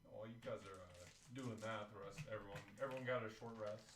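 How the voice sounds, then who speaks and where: Relaxed low-voiced man running a game. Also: quick pace. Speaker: game master. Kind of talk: running a tabletop game session. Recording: echoey room, distant mic, background noise.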